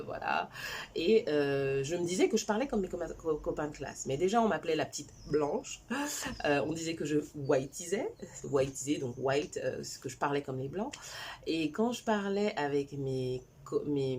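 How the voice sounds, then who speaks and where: A woman in her forties tells her life story straight to camera in a low, chatty voice, full of fillers and restarts. Faint ambient noise sits behind her. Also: a little mellow. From Cameroon, raised in China. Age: 40s. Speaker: entrepreneur and vlogger.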